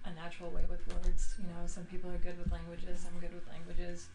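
A woman's voice: fairly low pitch, completely flat delivery, brisk. A woman writer talking candidly as an interview guest, reflective and searching, with many fillers. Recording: noisy room ambience.

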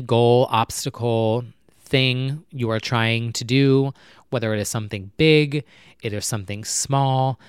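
Late at night in his apartment, a young male vlogger rambles casually to camera with plenty of fillers, keeping his voice low and quiet so the neighbors won't hear. The recording is smooth and dry, with studio quality.

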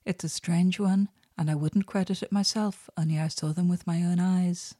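Woman doing a calm, soothing man. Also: high-pitched, normal speed, no echo, studio quality. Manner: soothing, even and unflustered. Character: calm, steady middle-aged man on the phone.

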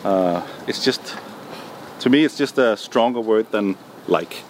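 Hesitant low-voiced man being interviewed. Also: a little slow. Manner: hesitant, many ums and restarts. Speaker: music producer guest. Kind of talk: relaxed interview answers. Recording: noisy background.

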